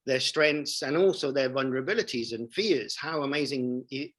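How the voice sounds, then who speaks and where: Man in his 40s, coach talking in an interview, keen and emphatic, average pitch. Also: moderate pace, fairly bright tone, low-quality recording. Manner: enthusiastic, emphatic, repeats phrases for emphasis. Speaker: leadership coach and trainer. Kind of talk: interview guest storytelling.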